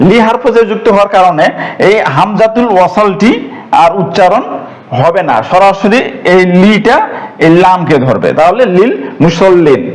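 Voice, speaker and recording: A man with a notably high voice teaches grammar in a recorded lesson. He goes slowly and patiently and repeats each term. He fills his pauses with soft hesitations. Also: expressive, low-quality recording. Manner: slow and patient, repeats terms, pauses with fillers. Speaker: teacher of Quranic Arabic grammar.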